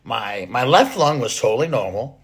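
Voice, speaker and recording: A man recovering from illness and short of breath, talking to his followers in a rambling, halting casual vlog update full of fillers and restarts. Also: medium pitch, expressive, breathy edge. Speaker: fitness content creator.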